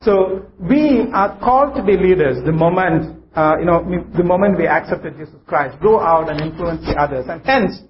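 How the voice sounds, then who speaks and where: A guest preacher, a South Indian man with a higher voice and lively intonation, gives a sermon during a church service. He's halting in his South Indian English and repeats phrases to stress them. The live recording sounds muffled and noisy.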